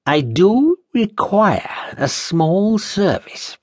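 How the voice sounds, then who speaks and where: A man voicing an ancient, sly cult master who speaks in slow, measured commands, in a dry storybook reading. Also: sits high, very animated, no room sound, voice pushed up, exaggerated voice. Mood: solemn, commanding.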